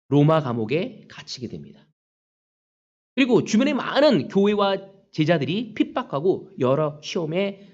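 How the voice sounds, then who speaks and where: Animated high-voiced male pastor preaching. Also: highs cut off. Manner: preaching with acted-out prayers and quoted taunts. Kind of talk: sermon. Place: church sanctuary.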